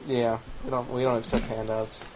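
A man's voice: mid-range voice, little pitch movement, moderate pace, crowd noise, rough recording. A man hosting a casual podcast, laid-back and joking, trailing off with ums. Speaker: podcast host. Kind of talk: casual chat.

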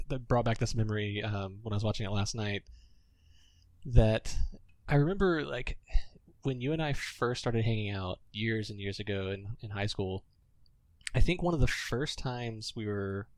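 Low-voiced easygoing man, dry sound. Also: normal speed, dry recording. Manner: easygoing, reminiscing, stammers a little. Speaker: podcast guest. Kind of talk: casual chat about a film.

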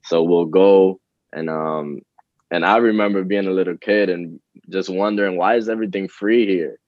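A young man from the Dominican Republic, a rapper talking casually in an interview, relaxed and rambling with fillers. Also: low voice, moderate pace, dry recording, muffled recording. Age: young adult. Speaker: rapper guest.

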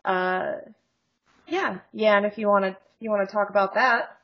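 A woman's voice: mid-range voice, fairly even intonation, moderate pace, lo-fi sound. A woman co-hosting a podcast in casual chat, joking and rambling with frequent laughs, over a video call. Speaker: podcast co-host.

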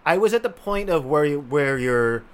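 A man's voice: fairly high pitch, animated, moderate pace, a bit bright. A man co-hosting a podcast, telling a long, rambling story in casual chat, full of "like" and restarts. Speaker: podcast co-host.

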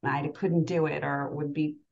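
Deep-voiced and gravelly, this woman in her forties keeps her pitch fairly flat and her pace moderate on a lo-fi recording. As a podcast guest she talks over personal matters casually and reflectively, frequently adding "right?" and "you know".

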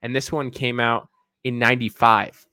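A man's voice: medium pitch, level tone, moderate pace, bright, forceful tone, clear, resonant tone, no echo, studio quality. A man chatting casually as a podcast co-host in a joking, slangy frat-bro way. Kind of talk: casual banter.

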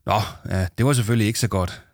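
A man reading as a calm, patient father. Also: lowish voice, dry recording, studio quality, lightly acted. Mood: friendly. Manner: reassuring, easygoing.

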